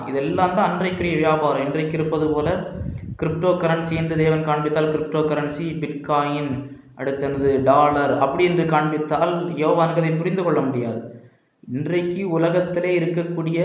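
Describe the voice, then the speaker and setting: ஒரு ஆண் பைபிள் வகுப்பு நடத்துகிறார். அவர் வசனங்களை உரக்க வாசிக்கிறார், தானே கேள்வி கேட்டு தானே பதில் சொல்கிறார். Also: male voice, a little high. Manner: asks questions and answers them himself, reads verses aloud. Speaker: Bible teacher. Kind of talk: Bible study lesson. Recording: very echoey room.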